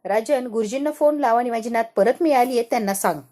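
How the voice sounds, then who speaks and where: An elderly grandmother, devout and close to happy tears, as a woman voices her in a serial recap. Her voice sits a little high and carries fervent joy. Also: fast, mellow, close to an everyday voice. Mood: overjoyed. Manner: fervent, tearful happiness.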